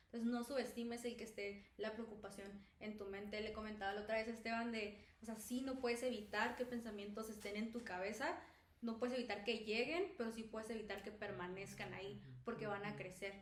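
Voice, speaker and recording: A woman with a Mexican accent co-hosting a faith discussion, speaking earnestly and colloquially with emphasis. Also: fairly high pitch. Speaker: youth group co-host. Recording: echoey room with faint noise.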